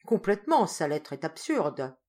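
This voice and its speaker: A woman's voice: low voice, very animated, normal speed, a little mellow. A woman voicing a smug, lying young man. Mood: dismissive. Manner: cool, dismissive.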